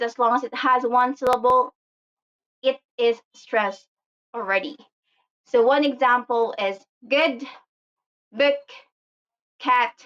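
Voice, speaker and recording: Woman teaching word stress real slow, lotta ums, kinda dull lo-fi sound. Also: fairly high pitch, smooth. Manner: frequent "um" and "uh" fillers. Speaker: English pronunciation teacher. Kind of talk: slow explanatory lesson with slides.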